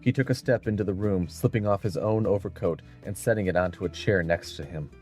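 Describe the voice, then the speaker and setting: A man with a very low, darkish voice narrates a dramatic audiobook a little fast, telling a scripted story with faint music in the background.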